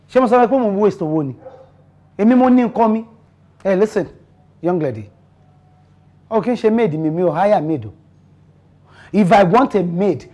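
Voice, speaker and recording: A man's voice: sits high, darkish tone. An actor with a Nigerian accent playing a young man who lectures his housemate and then pleads with his girlfriend. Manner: code-switching, bossy, then stammering and pleading. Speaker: fiancé in a domestic drama.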